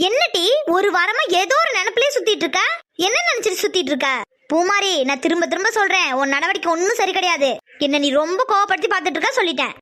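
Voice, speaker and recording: Woman playing a short-tempered mother, nagging, threatening, rapid, high voice. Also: expressive, sharp tone, exaggerated voice. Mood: scolding. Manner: nagging, threatening, shrill scolding. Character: scolding middle-aged village mother, short-tempered.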